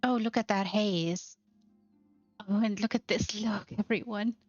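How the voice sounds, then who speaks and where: A woman guides listeners through a game house, heaping lavish praise on everything in a slow, deliberate way. Now and then she slips into playful baby-talk. Her voice is dry and a little dull, with faint music behind it. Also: mid-range voice, a little mellow, no room sound. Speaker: host of a game house tour. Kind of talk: casual tour commentary.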